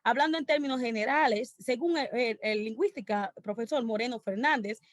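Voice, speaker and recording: A woman's voice: fairly high pitch, dry recording. A woman with a Dominican accent presenting an academic conference talk over a video call, explaining her points through lists of examples. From Dominican Republic.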